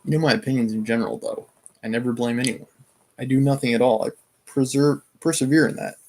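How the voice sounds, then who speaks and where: A suave, scheming nobleman presses his case in a steady, mid-pitched tone, read by a man in his ordinary voice. He sounds smooth but insistent, pleading with growing urgency. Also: fast, close to an everyday voice.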